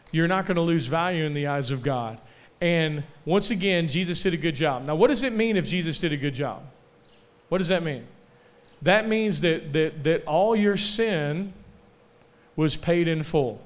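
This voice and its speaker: A young man delivers a sermon at a camp meeting, his voice a touch high and smooth, even resonant. He keeps calling for amens and asking the crowd questions, and he slows down to press home the lines that matter most. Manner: call-and-response, asking for amens; slows down to stress key phrases. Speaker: preacher.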